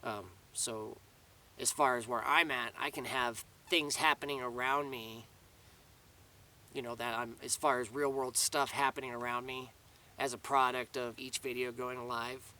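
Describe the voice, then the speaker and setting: This mountain vlogger's medium-pitched voice is sharp in tone, with fairly even intonation and a measured pace, captured by a distant mic. His spoken update to camera is casual and rambling, with frequent restarts and plenty of fillers.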